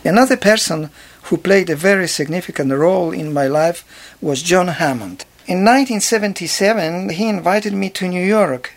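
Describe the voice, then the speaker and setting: An older man from Poland with a Polish accent, a jazz pianist telling his life story in a slow, careful, measured way. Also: sits high, creaky. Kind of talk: spoken memoir track.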